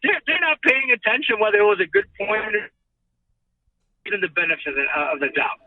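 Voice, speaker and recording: Over a thin, phone-like line, a high-voiced man talks as a guest on a sports show. He explains his opinions earnestly and conversationally, sounding away from the mic. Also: big pitch swings, fairly quick, no room sound. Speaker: guest, ring announcer. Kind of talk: casual sports talk interview. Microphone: remote call. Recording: tinny, distant phone-like line.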